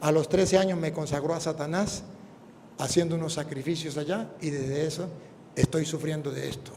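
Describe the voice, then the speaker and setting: A man voicing a frightened young woman who quietly pleads for help. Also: on the high side, steady tone, moderate pace, long reverb tail, a little hiss or hum, natural voice. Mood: frightened, pleading. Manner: pleading, subdued.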